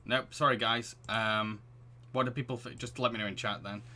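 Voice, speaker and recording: A man's voice: mid-range voice, fairly even intonation, moderate pace, pushed and bright. A man streaming a game, chatting restlessly with his viewers, laughing often and reading the story aloud.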